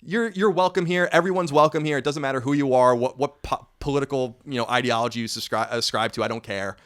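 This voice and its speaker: A man's voice: mid-range voice, quick pace, fairly bright tone, clear, resonant tone. A man in his thirties hosting a casual podcast, rambling and correcting himself with wry asides. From United States. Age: 30s. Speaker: podcast host.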